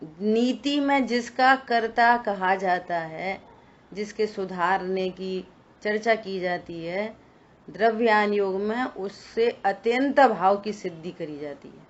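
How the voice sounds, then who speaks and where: A woman teaching a scripture study session, explaining points and answering her own questions. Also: medium pitch. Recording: dull lo-fi recording.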